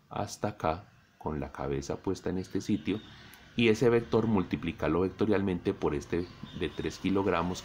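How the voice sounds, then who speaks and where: A middle-aged Colombian man teaching a physics lesson, explaining slowly and deliberately to his students. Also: sits low, slight background noise. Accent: Colombian Spanish. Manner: slow, deliberate explaining, addresses students directly. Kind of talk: recorded classroom lesson.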